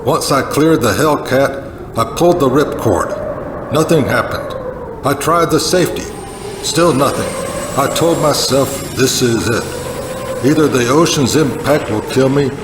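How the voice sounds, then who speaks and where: An actor playing a brooding, melodramatic war-veteran pilot hero in a 1950s sci-fi parody. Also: male voice, mid-range voice, measured pace, lightly acted. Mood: dramatic recounting. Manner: overwrought, brooding, dramatic storytelling. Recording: echoey hall, clearly noisy.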